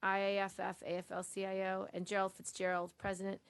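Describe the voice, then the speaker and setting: A woman's voice: mid-range voice, monotone, fast talker, vocal fry, clear, resonant tone. A woman working as emcee, formally announcing speakers and reading out their titles.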